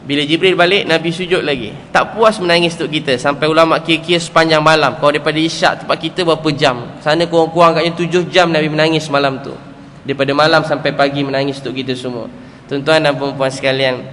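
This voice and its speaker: A middle-aged Malaysian man preaching in a fairly high voice, earnest and storytelling. His key phrases come back again and again, and he keeps asking the congregation questions. The sound carries a long hall reverb with faint noise underneath. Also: fairly bright tone. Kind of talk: sermon to a congregation.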